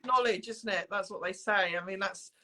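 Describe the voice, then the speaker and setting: A woman's voice: mid-range voice, normal speed, sharp tone, poor audio. A woman hosting an interview over a video call, upbeat and encouraging as she asks questions. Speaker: host. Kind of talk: casual interview chat.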